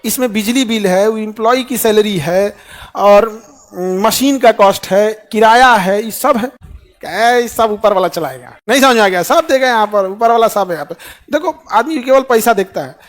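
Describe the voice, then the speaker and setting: A man talking to his students in a folksy, lively way, mimicking others and laughing often. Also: high-pitched, moderate pace. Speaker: teacher addressing students. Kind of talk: animated classroom talk.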